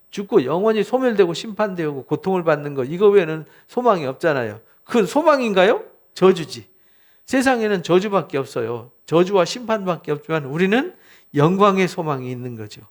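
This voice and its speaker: A man with a somewhat high-pitched voice leads a Bible study sermon as its pastor. He speaks in an animated way, throwing questions at his listeners and answering them himself.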